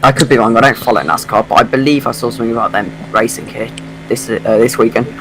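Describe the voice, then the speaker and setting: Chatty male racing co-commentator, mid-pitched. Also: quick pace, over music, poor audio. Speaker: sim racing stream co-commentator. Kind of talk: casual commentary chat. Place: at home.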